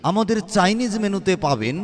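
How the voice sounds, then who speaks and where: A man gives an upbeat, inviting promotional announcement over a loudspeaker. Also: big pitch swings, a little fast, big-room sound. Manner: upbeat inviting sales pitch. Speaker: advertisement announcer.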